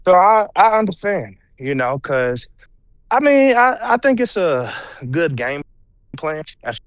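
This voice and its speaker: A man co-hosting a sports podcast, talking in an animated, teasing, slangy way. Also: medium pitch, dry recording. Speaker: podcast co-host. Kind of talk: casual sports debate.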